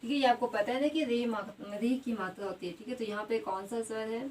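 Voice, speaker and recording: A woman teacher giving a grammar lesson. She puts questions to the class, answers them herself and repeats each word slowly. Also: on the high side, darkish tone. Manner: adds a tag question after most points. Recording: slightly distant mic with faint background noise.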